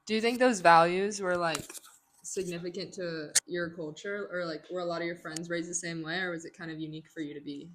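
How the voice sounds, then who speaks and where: A young woman hosts a student podcast interview. Her voice is a little low for a woman. She asks her questions haltingly and pads them with filler words. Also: fairly even intonation, background noise. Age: young adult. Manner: hesitant questions full of "like" fillers. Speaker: podcast host.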